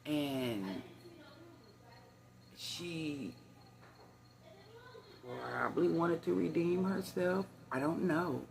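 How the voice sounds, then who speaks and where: A woman's voice: low voice, extremely slow, vocal fry, long pauses, a little mellow, a little hiss or hum. An older woman, chatting to her viewers in a rambling storytime vlog recorded on her phone. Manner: rambling, conversational, addresses viewers as y'all. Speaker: vlogger.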